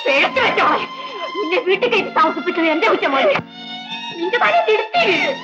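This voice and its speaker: A woman's voice: very high voice, very animated, a little fast. An actress playing a furious housewife scolding the woman she took into her home, in 1970s film acting. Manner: scolding, accusing. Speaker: elder sister of the house. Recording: echoey dull 1970s film soundtrack with music.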